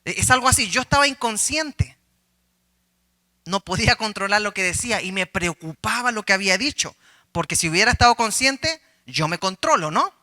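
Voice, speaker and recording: A man's voice: sits high, expressive, moderate pace, sharp tone. A middle-aged man, a pastor giving a conversational sermon, telling a personal story with humor and questions to his listeners.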